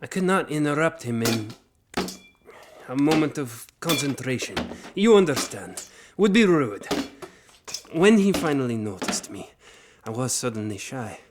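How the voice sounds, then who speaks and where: In an audio drama, an actor voices a weathered knight reflecting on his childhood, using formal, measured phrasing. His medium-pitched delivery has a sing-song quality, set against a noisy background.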